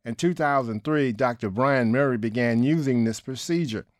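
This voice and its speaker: A man's voice: mid-range voice, moderate pace, no echo. A man reading a scripted news report as the host.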